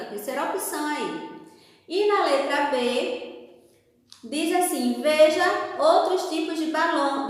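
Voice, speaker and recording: A woman teacher with a Brazilian Portuguese accent, correcting a worksheet aloud, patiently asking questions and pausing for answers. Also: sits high. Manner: acts out sound effects and whispers for examples. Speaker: primary school teacher. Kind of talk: remote lesson correcting a worksheet. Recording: very echoey room with long reverb.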